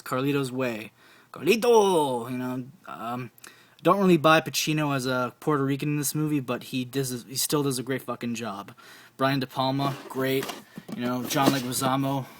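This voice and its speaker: A man's voice: mid-range voice, steady tone, moderate pace, fairly bright tone. A young man casually recommending films from his own shelf, enthusiastic and profane, often repeating titles. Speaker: film collector reviewing his DVD shelf.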